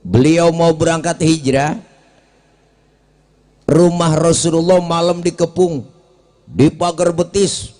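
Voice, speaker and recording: A man with a fairly high voice delivers a humorous sermon to a gathered congregation. He tells the story in a lively way and drops into a low, confiding tone for his asides and punchlines. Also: slow, long pauses. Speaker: preacher. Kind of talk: comic sermon.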